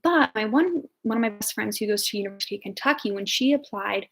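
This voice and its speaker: A nursing student in her early twenties from Ohio chats casually and answers viewer questions, talkative and upbeat with plenty of fillers. Her mid-range voice is animated, fast and a bit bright.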